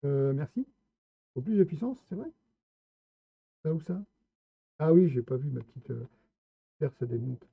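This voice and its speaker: A man's voice: on the high side, very animated, unhurried, vocal fry, pauses often, husky, dry recording. A man giving casual gameplay commentary, chatty and playful, talking straight to his viewers. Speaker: streamer. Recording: tinny phone-like, dry sound.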